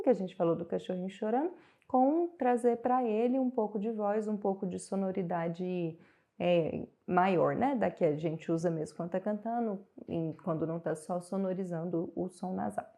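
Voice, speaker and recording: A woman giving a singing lesson, calmly explaining and guiding vocal exercises. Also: medium pitch. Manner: calm, guiding, explains then demonstrates. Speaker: singing teacher.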